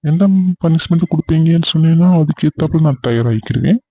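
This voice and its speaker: A man's voice: a little high, quick pace, husky, no room sound. A young man acting a husband who argues, then coaxes his wife on a phone call. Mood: coaxing. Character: defensive young husband, later apologetic. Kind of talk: acted phone-call drama. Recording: slightly dull lo-fi sound.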